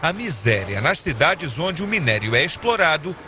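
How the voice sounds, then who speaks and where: A man reading scripted news narration in a measured reporter cadence. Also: on the high side, sing-song, muffled recording, background noise.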